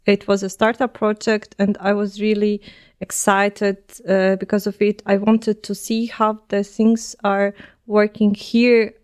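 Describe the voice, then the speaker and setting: Casual interview replies come from a podcast guest, a twenty-something woman from Ukraine who grew up speaking Ukrainian. She talks at a medium pitch in a smooth, level tone, with frequent fillers like um and uh and non-native phrasing.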